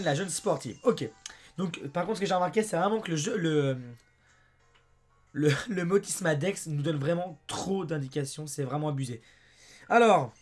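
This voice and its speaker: A young French man with a hoarse voice, chatting excitedly as he plays a game and talks to his viewers. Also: sits high. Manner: chatty and excitable, often says "mes amis" and "abusé". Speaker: let's play host. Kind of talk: casual gameplay commentary.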